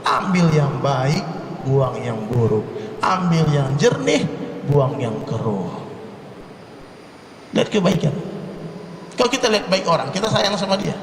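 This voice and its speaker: A man's voice: a little high, sing-song, unhurried, long pauses, reverberant, big-room sound, far from the mic, slight background noise. A man from Indonesia preaching to a congregation with humor, talking straight to the crowd and repeating phrases rhythmically. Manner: jokey, addresses the crowd directly, rhythmic repetition. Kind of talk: humorous religious talk to a congregation.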